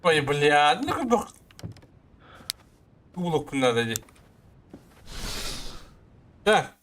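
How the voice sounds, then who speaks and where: Jumpy, scared male horror game streamer, animated. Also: on the high side, drawn-out words, a little hiss or hum. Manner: sweary, muttering to himself. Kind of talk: casual let's-play commentary.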